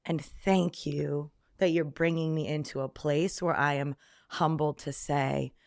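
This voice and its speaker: A woman's voice: deep voice, steady tone, measured pace, vocal fry, a little mellow, no echo, clean studio sound. A woman guest on a podcast giving a reflective faith testimony, with frequent ums, acting out her own past thoughts in quoted lines.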